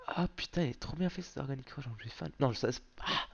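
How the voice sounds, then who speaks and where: Male gaming host, casual commentary, excitable and foul-mouthed, muffled home mic. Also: mid-range voice, brisk, creaky. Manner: excitable, swears often.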